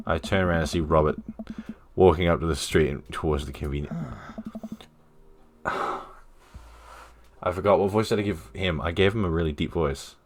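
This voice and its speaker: A man streaming a dating game, reading its dialogue aloud with playful, jokey commentary and quick character voices. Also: sits low. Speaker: streamer playing a dating sim.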